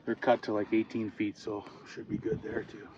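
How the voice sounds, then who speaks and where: Halting man, muffled outdoor sound. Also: on the low side, level tone. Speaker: log cabin builder and vlogger. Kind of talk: casual chat explaining work. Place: outdoors at a cabin building site. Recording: muffled, noisy outdoor camera audio.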